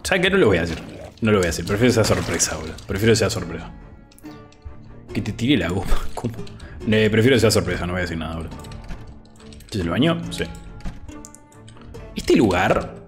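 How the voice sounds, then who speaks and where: Deep-voiced and very animated, this twenty-something with an Argentine Spanish accent talks fairly quickly and pauses often over soft background music. He's indoors at home on an over-ear headset, casually chatting through a gaming stream, reading chat aloud and dropping "boludo" a lot in a laid-back way.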